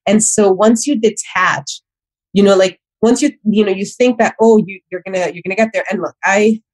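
A woman from Honduras speaks as a career coach in a relaxed interview, earnest and reflective. She often restarts her sentences mid-thought. Her voice sits at a middle pitch and sounds dry and close to the mic. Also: normal speed, no room sound, poor audio. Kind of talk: casual interview talk.

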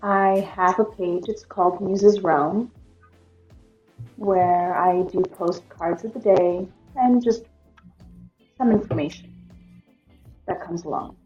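A woman's voice: fairly low pitch, slow, pauses often, warm tone, faint music behind. A woman from Greece who was raised in Massachusetts, a podcast guest telling her story in a plain, matter-of-fact way. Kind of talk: casual chat. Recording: dull, muffled audio.

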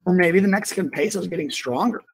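Hosting a laid-back podcast interview, this business owner rambles a little in an informal way, peppering his sentences with "like." He's a fast talker with a high-pitched, gravelly, husky voice.

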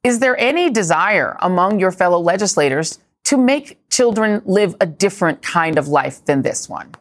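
A woman anchoring a live news program with a somewhat low voice. She asks pointed, probing questions and presses guests for answers. Her delivery is direct and purposeful. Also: lively intonation, moderate pace. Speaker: TV news host.

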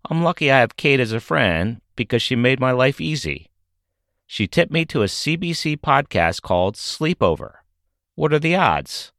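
A man's voice: mid-range voice, fairly bright tone, no room sound, clean studio sound. A middle-aged man hosting a podcast, reading scripted narration with a wry, self-deprecating manner. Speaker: podcast host.

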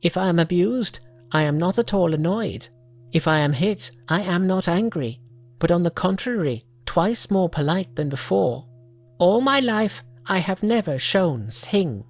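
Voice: medium pitch, animated, a little slow, pitched above the performer's own voice. A storyteller voicing an eager, humble male monkey who has come to study immortality, earnest and polite.

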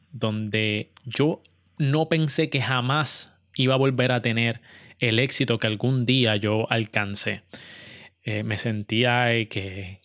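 A man's voice: mid-range voice, fairly bright tone, no echo, studio quality. A man talking casually and earnestly to his viewers, with hesitations and restarts. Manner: earnest, with frequent fillers and restarts. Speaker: video creator. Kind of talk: casual personal talk to viewers.

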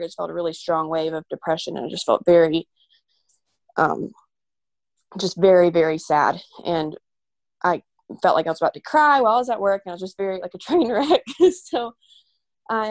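A woman's voice: lowish voice, dry recording. A woman singer, a guest, talking casually and emotionally with many fillers and restarts. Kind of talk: casual interview talk.

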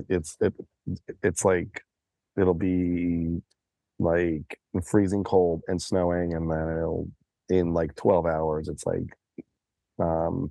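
A deep-voiced man with a slight cold, chatting slowly on a podcast. He rambles along with fillers and restarts, and his voice sits very low. The sound is dry and close. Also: vocal fry, dark tone, dry recording. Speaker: podcast co-host. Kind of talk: casual podcast chat.

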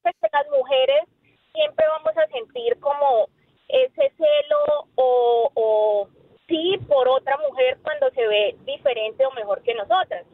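A woman in her thirties from Colombia calling into a radio show, calm and self-assured. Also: high voice, takes it slowly, no room sound. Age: 30s. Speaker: caller. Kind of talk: phone call-in. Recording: tinny phone line.

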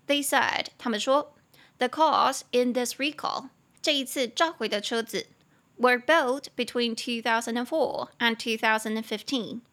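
A young woman hosting a casual English lesson podcast, explaining words and spelling them out slowly with a lively, self-amused manner. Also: fairly high pitch.

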